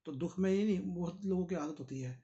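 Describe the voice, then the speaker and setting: A man's voice: high-pitched, fast talker, dark tone, dull audio. A tired man, reading a Buddhist book and explaining it in a conversational way, speaking directly to his listeners. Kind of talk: casual spoken commentary on a read text.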